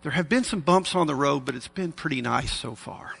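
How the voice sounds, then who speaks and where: A man delivers a sermon into a pulpit microphone, his fairly high voice catching into gravel. He talks in an earnest, measured way with dry asides. The sound rings with the long reverb of a large hall. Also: expressive, a bit bright. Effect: preaching into a pulpit microphone. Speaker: preacher.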